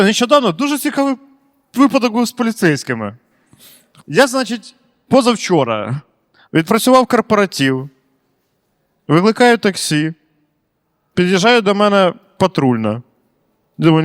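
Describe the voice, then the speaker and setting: A man's voice: high-pitched, big-room sound. A male stand-up comedian doing crowd work in a comedy club, chatty and slangy, swearing freely.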